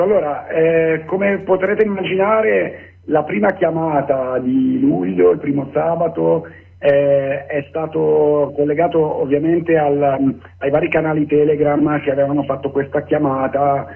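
A man speaking on speakerphone over a phone line as a guest activist in a radio interview, halting with many pauses and fillers. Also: on the high side, fairly even intonation, gravelly, slightly rough.

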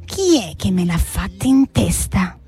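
A woman's voice: medium pitch, big pitch swings, measured pace, mellow, breathy edge, faint music behind, heavily acted. A woman voicing a small, nearsighted female mole who indignantly questions the animals.

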